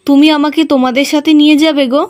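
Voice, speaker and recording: Brief: a tearful, resolute little girl mourning her mother, read by a woman, high voice, plain storybook reading. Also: flat delivery, fast talker, darkish tone, natural voice. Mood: sorrowful. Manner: read out in the narrator's own voice.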